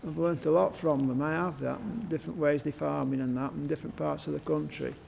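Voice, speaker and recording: An older man farmer, speaking in a homely, rambling way as he answers interview questions in a cattle shed, his voice trailing off softly. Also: a little high, fairly even intonation, a little fast, gravelly, long reverb tail, a little hiss or hum.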